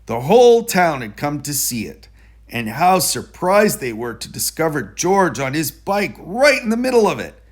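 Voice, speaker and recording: A man with a somewhat high voice reads a children's story aloud at a moderate pace, using an expressive storytelling style.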